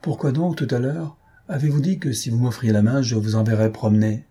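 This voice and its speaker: A man's voice: mid-range voice, steady tone, fairly quick, warm tone, breathy edge. A man reading aloud, voicing a flighty, coquettish young marquise with a plaintive, petulant manner.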